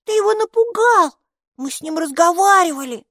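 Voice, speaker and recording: A woman's voice: very high voice, lively intonation, normal speed, a bit bright, dry recording, clean studio sound, voice pushed up. A woman reading aloud, voicing a shrieking, sulky six-year-old girl in a children's audiobook.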